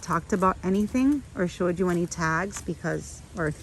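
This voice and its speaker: A woman's voice: lowish voice, animated, moderate pace, slight background noise, poor audio. A middle-aged woman giving a chatty walk-and-talk vlog in her outdoor garden, talking to viewers with restarts and asides. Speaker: orchid grower vlogger. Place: outdoor orchid garden on a windy morning.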